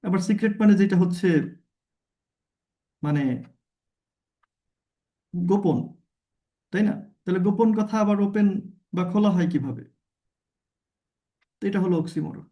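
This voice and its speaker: A man with a Bangladeshi accent giving an exam-prep lecture, explaining with rhetorical questions and reading English examples slowly and deliberately. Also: high voice, dark tone, dull audio.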